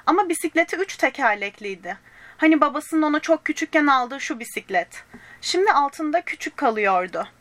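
A woman reading a children's storybook aloud in a gentle manner, speaking directly to young listeners and giving the characters small voices. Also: high voice, lively intonation, fairly quick, no room sound.

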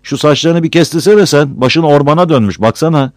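A fussy old village woman scolds in a high, raised voice, as a male narrator puts her on. She sounds impatient and nagging. The recording is dry and close. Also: brisk, no echo, close to an everyday voice. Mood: scolding.

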